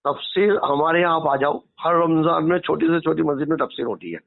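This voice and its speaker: A high-voiced man on a call pushes over and over to be heard. The sound is thin and boxy, as if it comes through a phone. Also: a little fast, gravelly. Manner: insistent, keeps asking to be heard. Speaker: caller. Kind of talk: heated phone debate. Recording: phone-line audio.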